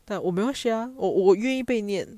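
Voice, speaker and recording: A woman's voice: mid-range voice, lively intonation, quick pace, dark tone, no echo. A young woman with a Taiwanese Mandarin accent, telling stories in a chatty, self-mocking way as a podcast host. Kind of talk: casual storytelling monologue.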